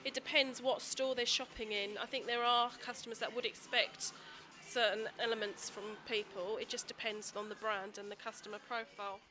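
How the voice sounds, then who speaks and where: A woman shop manager answering in a street interview, clear and matter-of-fact. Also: on the high side, flat delivery, moderate pace, over music.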